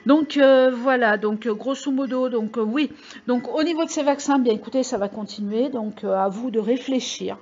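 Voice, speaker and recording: Computer mail alerts sound in the background as a channel host, a woman with a slightly high, slightly mellow voice, rambles casually to viewers over her microphone. She uses many fillers and gives emphatic warnings, and the audio is dull.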